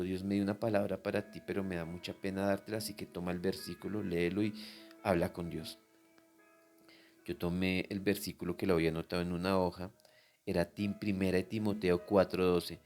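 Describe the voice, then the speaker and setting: A man preaching a sermon, telling his own story straight to the listener, dropping to a hush and then rising to loud, emphatic peaks. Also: fairly low pitch. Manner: personal testimony addressed directly to the listener.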